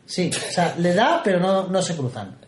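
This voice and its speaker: A man's voice: high-pitched, big pitch swings, normal speed, slight background noise. A man from Spain co-hosting a casual film podcast, playful and often searching for words. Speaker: podcast co-host. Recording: echoey room.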